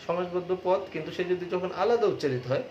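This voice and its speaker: A male teacher giving a classroom lecture on pronunciation, explaining patiently, repeating points and drawing out example words slowly. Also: high-pitched, expressive, a little mellow. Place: classroom with a board. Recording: echoey room, dull sound, faint hiss.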